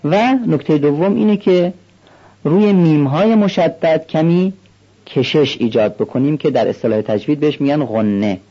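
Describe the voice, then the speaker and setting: A man teaching how to recite a prayer call, explaining calmly and slowing down to demonstrate the pronunciation. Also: a little high, lo-fi sound. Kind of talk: instructional explanation with recited examples.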